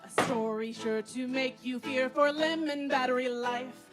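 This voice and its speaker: A woman's voice: high-pitched, fairly even intonation, unhurried, loud music behind the voice. A woman voicing a spirited female Mars rover who tells spooky tales in song in a musical audio drama. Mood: storytelling. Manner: theatrical, sing-song storytelling.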